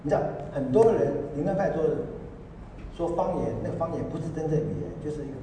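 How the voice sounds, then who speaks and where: Laughing pastor in an echoing hall. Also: male voice, fairly high pitch, fast, slight background noise. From Taiwan. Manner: lively, laughing, acts out voices. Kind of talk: storytelling sermon. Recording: echoey hall, voice from far off.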